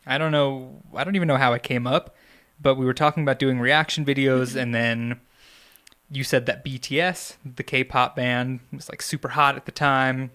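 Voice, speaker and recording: Guy cohosting a podcast, average pitch, rambly chill storytelling with lots of likes and you knows. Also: steady tone, moderate pace, bright, forceful tone, clean tone. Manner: rambling, filler-heavy storytelling. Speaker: podcast co-host. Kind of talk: casual chat.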